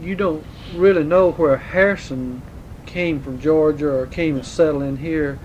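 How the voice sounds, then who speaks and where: A man with a slightly high voice and a Southern accent conducts an informal interview. He asks folksy, probing questions, with faint rumbling noise on the tape. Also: a little slow, a little mellow, muffled recording. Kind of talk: informal oral history interview.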